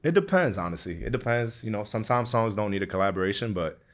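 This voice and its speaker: A man of about thirty with a low-pitched voice and a Queens, New York accent. He talks casually, like an artist being interviewed. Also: fast. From Queens, New York, USA. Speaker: guest, hip hop artist.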